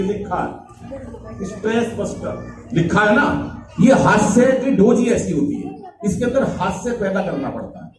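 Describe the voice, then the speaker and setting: A man with a Haryanvi accent doing live comic storytelling, chatty and teasing the audience, acting out voices in his jokes. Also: high-pitched. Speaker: stand-up comedy poet. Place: live event hall with audience. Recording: echoey hall from far off, noisy crowd.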